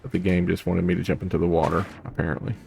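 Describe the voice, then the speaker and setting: A young man with a low, darkish voice and vocal fry rambles casually in a let's play, talking quickly in a level tone and humming to himself between thoughts. He's a gaming video host, and faint music plays behind him.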